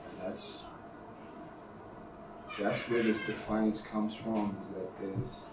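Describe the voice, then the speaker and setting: A man making a halting, emotional confession, repeating words and swearing. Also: lowish voice, flat delivery. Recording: echoey room from far off, noisy.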